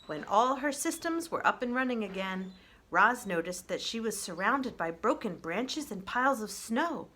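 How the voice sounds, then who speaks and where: Reading a children's book aloud, a woman speaks at medium pitch in a soft, expressive storytelling manner. She is measured, and her phrases taper gently at the end.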